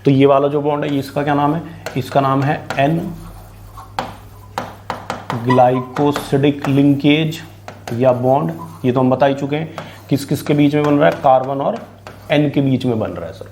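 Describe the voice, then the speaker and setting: Indian guy teaching bio online, talks to you like a chat, keeps quizzing himself, mid pitch. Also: moderate pace, long pauses, darkish tone, a little hiss or hum. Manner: chatty, keeps asking and answering his own questions, mixes in English terms. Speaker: biology teacher. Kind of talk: online exam-prep lecture.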